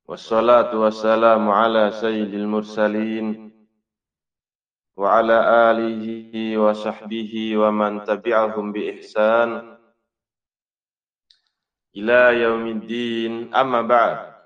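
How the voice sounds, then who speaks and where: In a fairly low, monotone voice, a man teaches slowly, leaving long pauses. His Islamic lesson reads out an Arabic text and explains it through questions and answers in a didactic style, captured on a muffled, distant mic.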